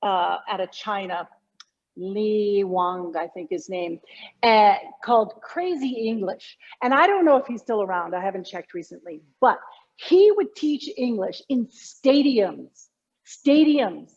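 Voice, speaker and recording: A woman's voice: medium pitch, lively intonation, measured pace, darkish tone, lo-fi sound. A woman communication coach explaining points as a podcast guest, in an emphatic, teacherly way.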